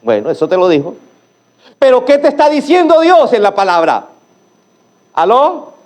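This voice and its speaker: A male pastor preaches a sermon full of emphatic rhetorical questions, swinging between hushed, low phrases and loud, rising calls. His pitch swings hugely, and his pace is moderate.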